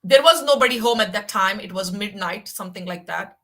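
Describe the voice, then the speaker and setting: A woman's voice: medium pitch, lively intonation, a little fast, fairly bright tone. A woman in her forties talking passionately on a livestream, emphatic and repeating herself for weight. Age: 40s. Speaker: livestream guest. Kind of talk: casual livestream chat.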